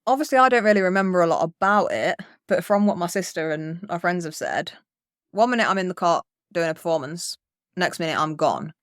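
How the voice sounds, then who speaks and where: A woman's voice: lowish voice, animated, a little fast, dry recording, studio quality. Young woman telling a rambling story. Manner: rambling, swears freely, tells the story with reported speech. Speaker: podcast co-host. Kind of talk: casual storytelling.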